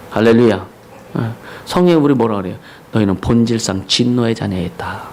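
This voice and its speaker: A male pastor preaching a Sunday sermon, often asking the congregation questions and rising to loud declamation on scripture and slogans. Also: medium pitch, slight background noise, low-quality recording. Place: church sanctuary.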